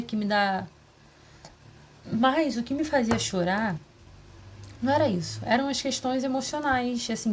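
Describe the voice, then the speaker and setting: Woman vlogger, somewhat high voice, confessional diary chat with rambling asides. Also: slight background noise. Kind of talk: casual diary vlog.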